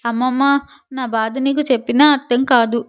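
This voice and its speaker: A woman's voice: on the high side, fairly even intonation, normal speed, clean tone, close to an everyday voice. A woman voicing a lovesick, tearful young granddaughter who speaks hesitantly, in a storybook reading. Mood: tearful pleading. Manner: hesitant, pleading. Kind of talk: storybook narration with voiced dialogue.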